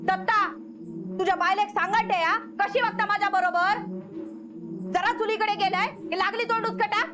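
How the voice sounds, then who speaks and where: An actress playing a sharp-tongued village wife in a TV drama, scolding and arguing. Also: female voice, steady tone, normal speed, over loud music. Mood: angry. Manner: shrill, scolding, argumentative. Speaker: quarrelling family woman. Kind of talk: TV drama acting.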